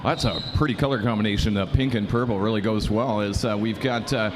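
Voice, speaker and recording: A man calling a junior roller derby game as play-by-play commentator, talking quickly with lots of "uh" fillers. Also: lowish voice, noisy background. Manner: fast, filler-heavy, self-described caffeinated. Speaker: sports commentator.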